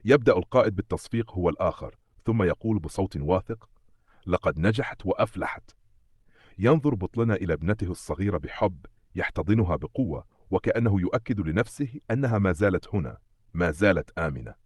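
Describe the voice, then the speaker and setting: A man giving a steady, dramatic scripted narration that recaps a comic story. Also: deep voice, fast, husky, no room sound, clean studio sound.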